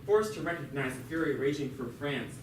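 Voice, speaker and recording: In an amateur puppet show, a man voices a talkative jailed revolutionary recounting his own story, conversational and sardonic, with asides that stumble over words. His mid-range voice is expressive, fairly quick and lightly acted, while the recording is echoey, very noisy and taken from a distant mic.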